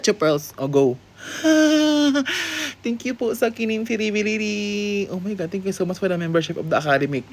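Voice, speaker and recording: A man from the Philippines hosting a live-stream guessing game, playful and sassy, greeting viewers and teasing answers with sudden high exclamations. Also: a little fast, few pauses, shouting, a little hiss or hum. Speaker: livestream host.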